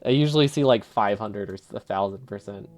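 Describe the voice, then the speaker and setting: A man's voice: fairly low pitch, fairly quick, faint music behind. A man streaming a video game live, thinking aloud, chuckling often and answering his chat in a casual, easily amused way.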